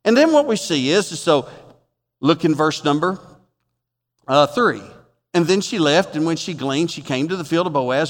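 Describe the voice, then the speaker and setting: A man preaches from the pulpit in a folksy, emphatic manner, his voice sitting a little high for a man. The sound carries a long reverb from the church sanctuary around him. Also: a bit bright. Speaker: pastor. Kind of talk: sermon.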